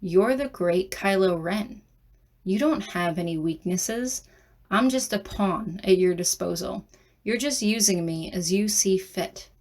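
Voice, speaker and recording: A woman playing a bold, perceptive young interpreter in a fan fiction audiobook. She talks softly and deliberately in a coaxing way, stressing each word. Her voice is mid-pitched. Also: natural voice.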